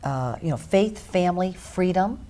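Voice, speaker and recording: A woman's voice: lowish voice, animated, normal speed, dark tone. A woman hosting a talk radio show, pressing her points in emphatic lists.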